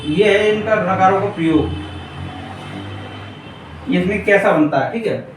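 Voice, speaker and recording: A man's voice: high-pitched, unhurried. A man teaching a Hindi grammar class for exam preparation, repeating points and checking in with his students often. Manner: repetitive, keeps checking in with the class. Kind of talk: exam-prep grammar lesson at a board. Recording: echoey room, distant mic, faint hiss.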